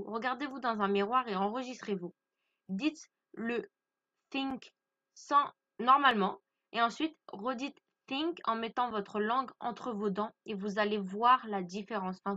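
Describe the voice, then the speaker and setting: A woman's voice: medium pitch, sharp tone, muffled recording. A woman whose first language is French, patiently teaching a beginner English lesson and often checking that her listeners follow. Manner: patient, repeats key points and checks "d'accord?".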